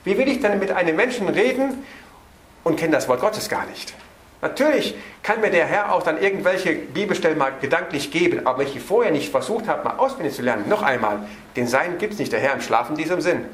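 A man preaching an evening sermon on a Bible passage. He stresses words by slowing down and hurries through his asides. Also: a little high, lively intonation, a bit bright, reverberant.

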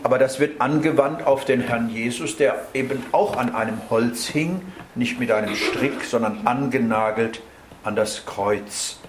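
This German preacher, mid-range and unhurried, teaches the Bible verse by verse, tossing in "nicht?" to check on his listeners as he explains. Background noise is present, and the roomy hall adds faint ambience.

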